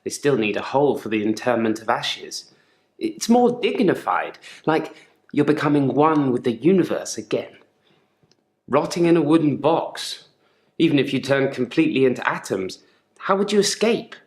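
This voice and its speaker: In an echoey room, a man acts out a naturalistic therapy-session monologue as a troubled gravedigger for a video game. He is guarded, articulate, and dryly sardonic, with a wry, reflective mood. His natural, medium-pitched voice swings widely in pitch at a moderate pace.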